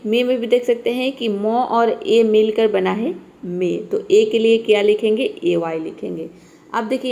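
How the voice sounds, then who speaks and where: A woman teaching English spelling rules in a patient lesson. Her voice sits a little high, with a noticeable gravelly fry. She keeps posing questions to her students and answering them herself. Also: darkish tone. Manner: patient, repeats each point with rhetorical questions.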